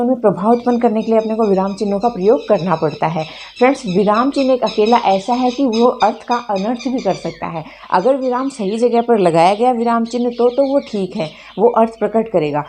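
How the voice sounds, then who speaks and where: A woman teacher, her voice a little high and mellow. She drills exam points by asking questions and answering them herself. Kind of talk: exam-prep grammar lesson.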